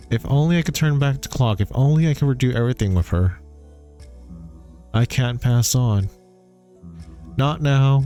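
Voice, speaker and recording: A man plays a grieving spirit of a father who presses with stern, measured questions. His voice is mellow and soft-edged, his delivery unhurried and heavy. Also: mid-range voice, close to an everyday voice. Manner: slow, solemn, probing questions.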